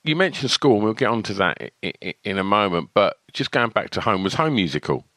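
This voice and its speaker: A man hosting a conversational interview, telling a personal story in an animated way and laughing as he talks. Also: fairly low pitch, fast talker, dry recording. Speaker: podcast host.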